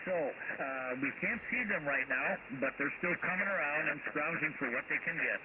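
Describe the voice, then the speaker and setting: A man's voice: a little high, lively intonation. Ham operator, male, from Wisconsin; fuzz-distorted, dull lo-fi signal buried in heavy hiss. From Wisconsin, USA. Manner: rambling, halting with many fillers. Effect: fuzzy distorted audio from radio interference. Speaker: amateur radio operator. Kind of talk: casual radio chat. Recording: lo-fi ham radio with loud noise.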